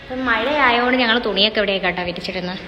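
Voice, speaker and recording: A woman's voice: medium pitch, rapid-fire, muffled recording, over music. A young woman, chatting casually as she gives a home tour and keeps calling out to her viewers. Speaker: vlogger giving a home tour.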